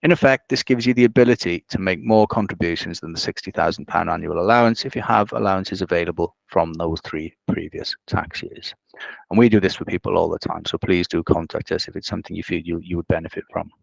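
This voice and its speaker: A male financial adviser giving a measured, businesslike explanation on a video call. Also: low-pitched, vocal fry, dry recording.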